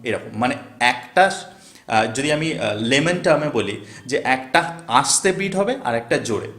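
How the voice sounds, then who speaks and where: A man's voice: on the high side, fairly bright tone. Male teacher in an echoey room. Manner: explains step by step, chants lines with exaggerated stress. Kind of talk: classroom lecture on poetry meter.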